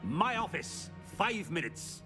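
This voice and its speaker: A man's voice: sits high, very animated, takes it slowly, pushed and bright, soft background music, full character voice. An actor voicing an imperious, dismissive male headmaster in a video game, curt and commanding.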